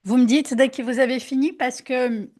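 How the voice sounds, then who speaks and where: A woman therapist leading a guided workshop over a video call, talking hesitantly with many fillers and restarts, gently instructing, into an external microphone. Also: sits high, steady tone, normal speed.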